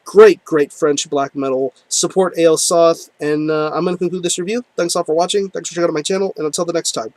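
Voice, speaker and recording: A man's voice: on the high side, steady tone, fairly quick, hardly any pauses, a little mellow, no room sound. Enthusiastic man reviewing an album. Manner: enthusiastic, repeats words, frequent ums. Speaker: music reviewer. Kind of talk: casual review monologue.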